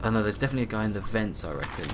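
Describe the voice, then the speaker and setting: A man's voice: fairly low pitch, animated, very fast, crowd noise. A young man playing as a teammate, laid-back and self-mocking, chatting casually during a game. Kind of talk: casual gameplay chat. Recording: game noise audible behind voice.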